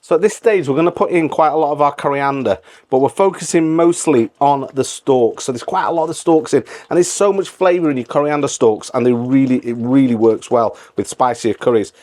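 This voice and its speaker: A man's voice: medium pitch, fairly quick, few pauses, a little mellow. A middle-aged man hosting a casual step-by-step cooking tutorial, repeating phrases for emphasis. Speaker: cooking channel host.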